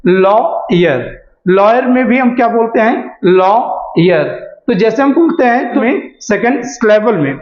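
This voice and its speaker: High pitched guy teaching english sounds, asks himself questions and answers them, dull echoey recording. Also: lively intonation. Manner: stretches out example words slowly. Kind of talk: classroom-style lesson explaining pronunciation.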